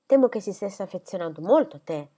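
A woman's voice: medium pitch, lively intonation, fast talker, warm tone, close to an everyday voice. A woman reading as an earnest young woman.

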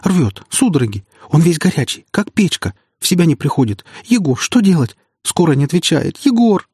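A man's voice: a little high, big pitch swings, fairly quick, a little mellow, husky, no echo, clean studio sound, voice pushed up, exaggerated voice. A man narrating an audiobook, voicing a young pregnant woman crying in panic. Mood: frantic. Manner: frantic, wailing.

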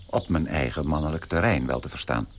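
A man playing a pompous, prim young gentleman in a radio play, turning indignant and shrill when shocked. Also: fairly quick, slight background noise.

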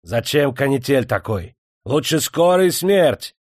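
A man's voice: medium pitch, very animated, slow, no echo, clean studio sound, pitched above the performer's own voice. A man voicing a mocking, fierce Tatar brigand in an audiobook, speaking in broken, jeering phrases. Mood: mocking menace.

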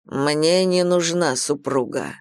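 A woman voicing a cold, commanding male primordial god of death in an audiobook, speaking low, slow and curt. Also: smooth, no room sound, clean studio sound.

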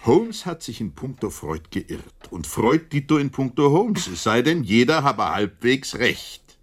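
An actor playing a flustered, incredulous gentleman doctor in a German radio drama, speaking hesitantly and stammering, with a husky voice. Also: mid-range voice, very animated, a little slow. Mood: troubled.

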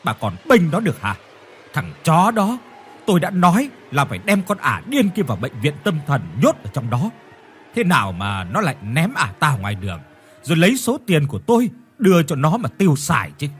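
A man voicing a furious, domineering older father who shouts and swears. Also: a little high, big pitch swings, fairly quick, long pauses, heavily acted.

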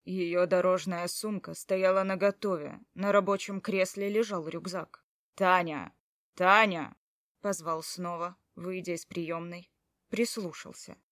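A woman's voice: fairly low pitch, steady tone, a little slow, no room sound, clean studio sound, close to an everyday voice. A woman narrating in first person as a hot-tempered, jealous adult man, brusque and swearing under her breath.

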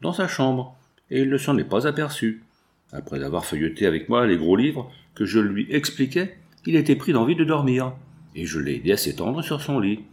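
A man voicing a well-meaning gentleman baron who explains himself in a calm, reassuring way. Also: mid-range voice.

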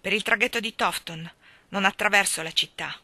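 A man's voice: high-pitched, normal speed, sharp tone, no echo, full character voice. A woman reading aloud, voicing an arrogant, scheming male lawyer who speaks curtly. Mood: bitter. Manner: curt, arrogant.

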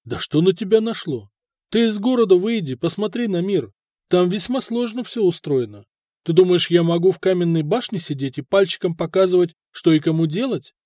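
Audiobook: male narrator as a cold, stubborn prince, firm and cutting, fairly high voice, dry close sound. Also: lively intonation, a little fast, warm tone, dry recording. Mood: stern. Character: stern, cold middle-aged prince, stubborn ruler.

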